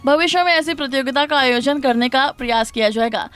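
A woman reading a scripted Hindi news report as voice-over narrator in a formal, even tone. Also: high-pitched, brisk. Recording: voice-over with faint music behind.

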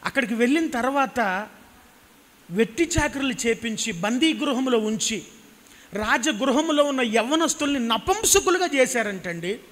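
A man's voice: very high-pitched, lively intonation, normal speed, fairly bright tone. A man in his thirties with a Telugu accent, preaching an impassioned sermon into a handheld mic and repeating phrases for emphasis. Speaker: pastor. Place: church stage with a cross backdrop. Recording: hall reverb.

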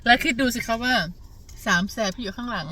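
A woman's voice: on the high side, brisk, bright, forceful tone, slight background noise. A woman from Thailand with a Thai accent, chatting casually as a mother and vlogger, laughing often and dropping in English phrases. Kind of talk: casual vlog chat.

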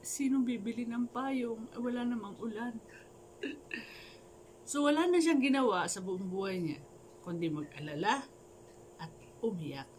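A woman's voice: on the high side, animated, a little slow, long pauses, a little mellow, a little hiss or hum, low-quality recording. Playful Filipino-language woman storyteller. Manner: playful, joking asides and laughter. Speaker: storyteller vlogger. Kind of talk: casual storytelling with a life lesson.

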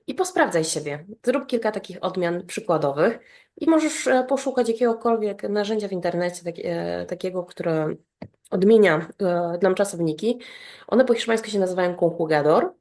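A woman with a somewhat low-pitched voice leads an online grammar lesson. She walks through each point patiently, spells out verb endings in a steady rhythm, and keeps checking that the listener is following. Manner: explains step by step, often checks with "tak?". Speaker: Spanish teacher.

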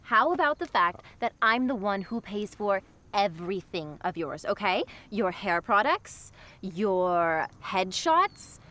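A woman's voice: medium pitch, big pitch swings, takes it slowly, pushed and bright, exaggerated voice. A woman playing an exasperated girlfriend who runs a dating show, scolding her boyfriend in a comedy sketch.

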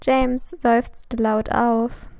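Slow gravelly woman reading a story. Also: on the high side, level tone, darkish tone, dry recording, clean studio sound. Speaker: fan fiction reader. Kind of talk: storybook narration.

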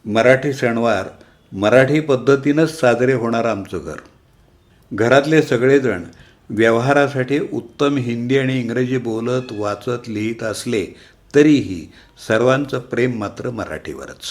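Casting: man, Marathi accent, read-aloud essay narrator, measured and wry, mid pitch. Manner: measured, wry listing delivery. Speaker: reader of an essay.

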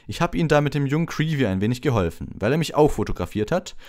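A man voicing a vain, pompous adult wizard teacher who booms condescendingly in an audiobook reading. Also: animated, fast talker, darkish tone, natural voice. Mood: patronizing. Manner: booming, condescending, self-satisfied.

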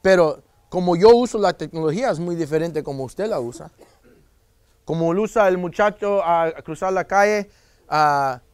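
High-voiced man lecturing parents, dry sound. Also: clean tone, no room sound. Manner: joking, acts out parents and kids in quoted voices. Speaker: police officer giving a talk to parents. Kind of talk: live lecture to an audience.

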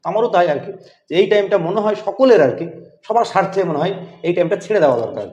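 A man with a high, animated, darkish voice talks very fast as a podcast host interviewing a guest. He is also a teacher, and he rambles with plenty of fillers in an echoey, dull, lo-fi room.

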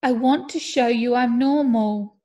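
Woman reading as young male footballer, earnest, reassuring, high-pitched, audiobook. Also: measured pace. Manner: earnest, reassuring, a touch louder than the narration.

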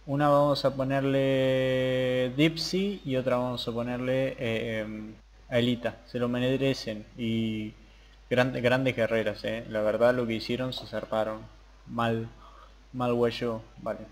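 A man's voice: medium pitch, little pitch movement, a little slow. A young man hosting a gaming channel, chatting casually through his gameplay and muttering to himself as he plays. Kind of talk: gameplay commentary.

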